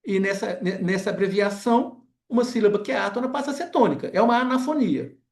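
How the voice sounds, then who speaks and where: A man with a Brazilian accent giving an academic lecture, pausing often and filling gaps with short filler words and tag questions. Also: high-pitched, lively intonation, darkish tone.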